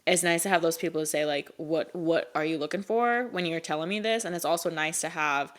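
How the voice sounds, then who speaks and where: Young female co-host, casual podcast chat, rambling, lots of "like" and "um", a little low. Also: a little fast. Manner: rambling, filler-heavy, laughs often.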